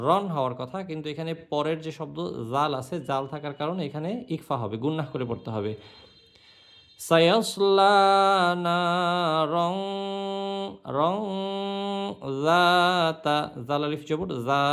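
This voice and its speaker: A man teaching Quran recitation, spelling out each letter and vowel mark, then chanting the verse in long drawn-out notes. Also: on the high side. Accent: Bangladeshi Bengali.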